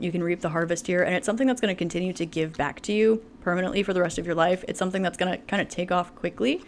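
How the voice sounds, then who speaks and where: A woman's voice: on the low side, slight background noise. A woman giving a casual tarot reading to camera, chatty and full of fillers, laughing often. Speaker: tarot reader.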